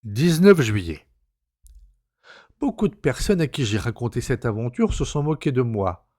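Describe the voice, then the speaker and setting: A man reads a classic novella aloud, with expressive, dramatic narration. His pitch moves widely, bringing out the suspense. His voice sits in a middle register. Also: unhurried. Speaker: narrator, reader.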